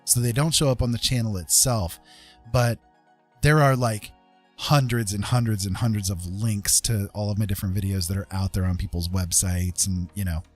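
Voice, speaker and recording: Faint music sits under a low, steady voice at normal speed. He's a middle-aged art-tutorial livestreamer, chatting loosely and self-deprecatingly with the live chat room in a rambling manner.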